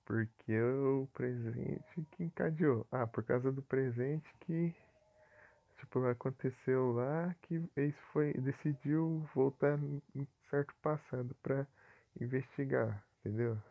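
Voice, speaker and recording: A man chats casually on a live gaming stream. He talks slowly and rambles, circling back on fillers, in a gravelly voice. The audio is thin and phone-like. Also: mid-range voice, no echo. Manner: slow, rambling, repeats fillers.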